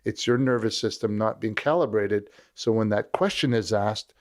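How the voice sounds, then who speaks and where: A man talking as an interview guest, with an animated storytelling manner. He acts out the voices of people he quotes, and his pitch moves around a lot as he explains his points. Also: moderate pace. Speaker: leadership strategist guest. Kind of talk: conversational interview.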